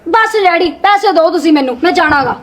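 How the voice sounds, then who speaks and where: Young woman acting as a vain, sharp-tongued daughter, very high voice, rapid-fire. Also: animated, slight background noise. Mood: snappy. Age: young adult. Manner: snappy, talks back. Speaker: spoiled college-going daughter. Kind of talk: Punjabi short-film acting.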